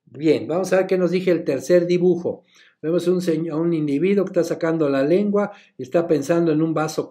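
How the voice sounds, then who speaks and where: Slow, spelling-out male teacher. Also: on the high side, dark tone. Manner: slow, spells words letter by letter; switches between Spanish and English. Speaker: English teacher. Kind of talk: recorded class lesson.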